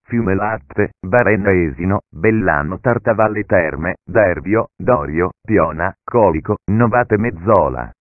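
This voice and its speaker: A man's recorded voice giving automated train station announcements in measured, segmented phrases pieced together with uneven pitch jumps. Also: no room sound. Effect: announcement heard as a recorded station PA message. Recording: narrow, phone-like, dry PA audio.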